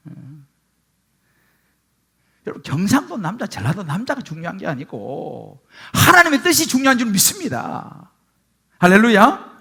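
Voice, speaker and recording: A sermon comes from a middle-aged Korean pastor of the Gyeongsang region, his high-pitched voice carrying vocal fry and a breathy edge. As he tells stories, he acts out the quoted lines in lively fashion.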